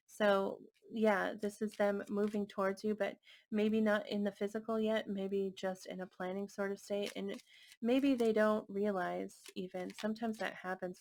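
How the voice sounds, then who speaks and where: Lady doing a tarot reading, soft musing tone, lots of vocal fry, pretty monotone. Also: medium pitch, a little hiss or hum. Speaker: tarot reader.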